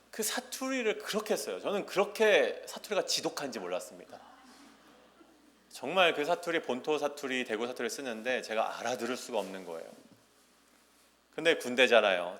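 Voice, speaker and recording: A South Korean pastor in his thirties gives a sermon woven with personal stories in a large church sanctuary. His medium-pitched voice has a fairly bright tone, and the echoing hall adds long reverb.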